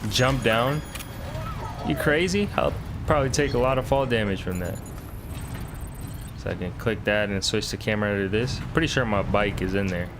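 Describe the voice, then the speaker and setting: A man's voice: fairly low pitch, a little fast, background noise. A man hosting a gaming video, giving casual, slangy commentary as he thinks aloud. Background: game music.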